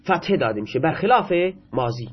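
A man's voice: medium pitch, very animated, husky, muffled recording. A man teaching Arabic grammar in Persian, reading lines of text aloud and then explaining them patiently, repeating his examples.

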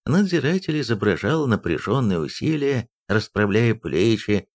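A man narrating an audiobook in an expressive, varied way. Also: on the low side, moderate pace. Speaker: audiobook reader.

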